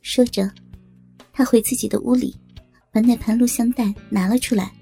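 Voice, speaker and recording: A woman's voice: fairly high pitch, steady tone, normal speed, gravelly, warm tone, husky, faint music behind. A woman reading a dramatic family story aloud as a storyteller. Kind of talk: scripted story narration.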